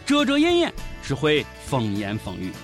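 A man's voice: medium pitch, huge pitch swings, moderate pace, soft background music. A man with a Shaanxi accent giving comic news commentary in a mocking, colloquial, sarcastic way. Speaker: host of a satirical news show.

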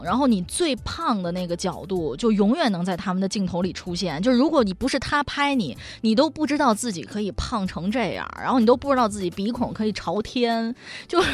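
A woman co-hosting a podcast, telling comic stories about her husband. She sounds exasperated and mock-complaining, and she laughs often. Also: medium pitch. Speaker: podcast co-host. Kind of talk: casual chat, comic storytelling.

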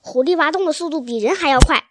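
A woman's voice: high voice, quick pace, noisy background, lightly acted. A woman voicing a clever, determined father fox in a storybook reading, urging his family on. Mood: urgent. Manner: urgent, commanding.

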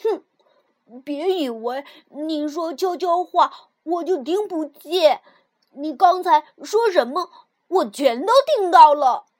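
A woman voicing a sulky little frog who scolds in a loud, indignant way. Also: sits high, expressive, moderate pace, hardly any pauses. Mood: angry.

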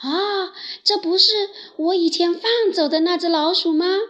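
A woman voicing a big proud male lion in a children's story, speaking in loud shouts. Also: high voice, animated, measured pace. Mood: desperate pleading.

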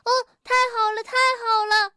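A woman voicing an excitable, toothless young male frog who squeals when he is happy. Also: sits high, takes it slowly, no echo, studio quality, full character voice. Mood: excited.

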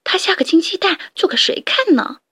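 A woman's voice: very high-pitched, big pitch swings, brisk, fairly bright tone, no echo, studio quality, pitched above the performer's own voice, full character voice. A woman voicing jealous hens in a storybook, sneering and scornful. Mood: gossiping. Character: jealous gossiping hens in the coop.

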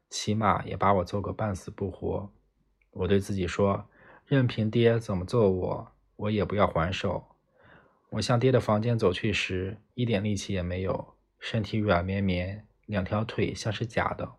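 A man narrates a novel in the first person with a low, husky voice. His reading is steady and plain, like a calm audiobook narrator.

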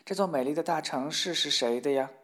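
A proud young princess from a fairy tale, sharp-tongued and scornful, as a man puts her on. Her lines sit clearly higher than the telling around them, with a plaintive edge. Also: a little fast, lightly acted. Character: haughty mocking young princess.

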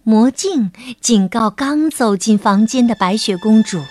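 A woman reading a children's story aloud in a gentle, slow and expressive way. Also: a little high, dry recording. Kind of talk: scripted children's story narration. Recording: narration over loud music.

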